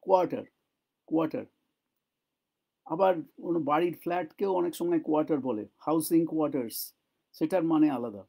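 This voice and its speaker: Gravelly, mellow-voiced man teaching English. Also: on the high side. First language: Bengali. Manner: explains slowly, repeats English phrases for pronunciation. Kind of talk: casual spoken English lesson. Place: living in the United States.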